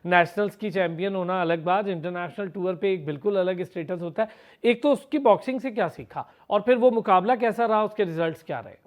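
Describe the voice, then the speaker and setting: A man's voice: sits high, brisk. A man from Pakistan with a Pakistani Urdu accent, interviewing an athlete on a TV sports show in long, multi-part questions full of praise.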